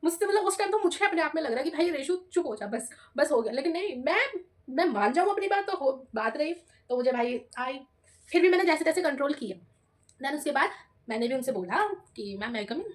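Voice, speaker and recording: A young woman vlogger tells a story from her own life in a high, bright voice and at a quick clip. She is chatty and animated, and she keeps addressing her viewers casually as she talks.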